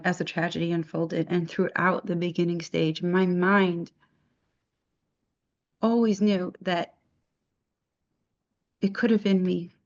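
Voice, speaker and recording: A middle-aged woman telling her own story in a halting, reflective way, often restarting her sentences. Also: lowish voice, lo-fi sound. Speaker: interviewee sharing her story. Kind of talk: personal testimony.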